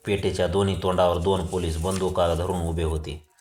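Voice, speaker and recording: A man reading a novel aloud as a storyteller, with steady, even narration. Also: low voice, fairly quick, reverberant. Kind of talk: audiobook reading of a Marathi novel.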